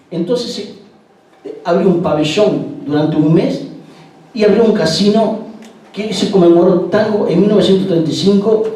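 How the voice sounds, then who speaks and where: A man's voice: on the high side, dark tone. A man telling anecdotes to an audience at a tango event, with many hesitations, heard from a distance. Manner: anecdotal, acts out quoted dialogue, many hesitations. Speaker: guest speaker at a tango event. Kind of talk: storytelling talk to an audience. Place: event hall. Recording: distant, very echoey hall, faint background noise.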